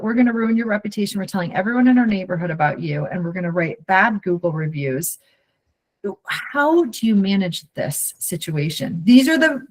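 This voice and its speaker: A woman's voice: medium pitch, low-quality recording. Emphatic woman attorney giving a talk. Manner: direct and emphatic, punctuates points with "okay". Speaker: attorney presenting to interior designers. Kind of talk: webinar presentation with slides.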